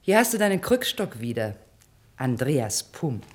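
Condescending imperial princess. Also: female voice, a bass voice, big pitch swings, exaggerated voice. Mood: gracious. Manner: condescending, brisk courtly tone. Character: gracious imperial princess visiting wounded soldiers. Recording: noisy 1960s radio play, voice heard from afar.

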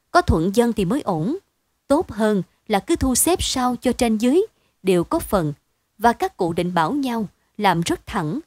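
A woman's voice: mid-range voice, no echo. Dry, close woman narrating a bedtime story.

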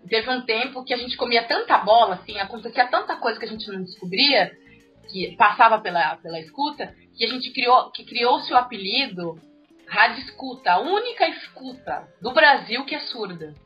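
Brazilian woman, high bright voice, animated anecdote teller, muffled with soft music. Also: moderate pace. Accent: Brazilian Portuguese. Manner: animated, acts out dialogue with sharp pitch jumps. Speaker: newsroom radio monitor. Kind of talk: casual anecdote telling. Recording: muffled audio with faint music.

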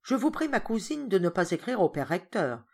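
A woman's voice: mid-range voice, sing-song, moderate pace. A woman voicing an angry, spoiled schoolboy who speaks indignantly, in a storybook reading. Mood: sulky. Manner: shouts indignantly.

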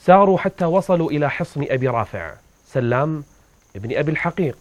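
A man's voice: on the high side, lively intonation, quick pace, no echo, muffled recording. Dramatic storytelling male preacher. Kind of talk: storytelling religious lecture.

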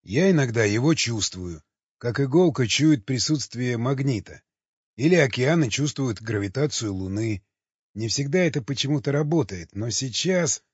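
A man voicing a rough male cannibal wanderer who talks bluntly in slang, in an audiobook. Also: mid-range voice, lively intonation, normal speed, no echo. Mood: gruff. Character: gruff male cannibal wanderer, sensing things. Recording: dull lo-fi audio with faint music.

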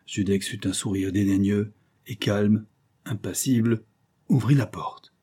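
A man narrating a classic adventure novel aloud in a measured, dramatic reading. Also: on the low side, steady tone, warm tone, breathy edge. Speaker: audiobook narrator. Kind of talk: scripted narration.

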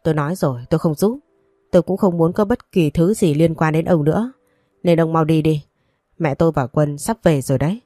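A woman's voice: low-pitched, a little fast, dark tone, no echo, studio quality. A woman voicing a headstrong young woman in a storybook reading, speaking bluntly and coldly. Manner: blunt, cold toward her father. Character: headstrong young woman, grief-stricken granddaughter.

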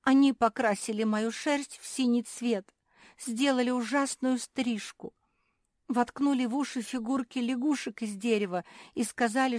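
A woman's voice: on the high side, no room sound, studio quality, voice pushed up, lightly acted. A woman voicing a remorseful young female labrador bride who begs forgiveness through tears. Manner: pleading, sobbing apologies.

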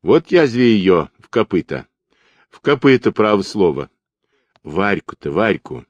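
A man voicing a cocky curly-haired young male partisan who mumbles gossip in a quick patter, in an audiobook. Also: very animated, dry recording, highs cut off. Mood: sly gossiping. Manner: mumbling patter, rising to shrill shouts.

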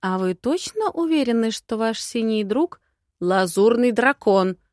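A woman's voice: on the high side, lively intonation, a little slow, darkish tone, no room sound, studio quality, pitched above the performer's own voice. A woman doing a grumpy, rude old lord. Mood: suspicious. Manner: growling, indignant. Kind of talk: audiobook character voice.

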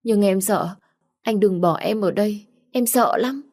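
A woman's voice: on the low side, normal speed, darkish tone, natural voice. A woman voicing a pampered, fragile young woman who whimpers and pleads. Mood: frightened.

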